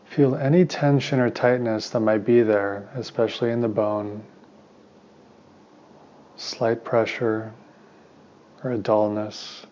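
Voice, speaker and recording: A low-voiced man, working as a meditation teacher and therapist, talks listeners through a meditation in a calm, soothing way. Short instructions come slowly and very flatly, separated by long pauses, and the audio is a little dull and muffled.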